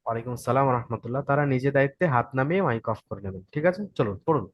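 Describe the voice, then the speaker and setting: A man's voice: medium pitch, animated, rapid-fire, no room sound, muffled recording. A man with a West Bengal Bengali accent teaching an online Quran reading class, patient and repeating each point to check his students follow.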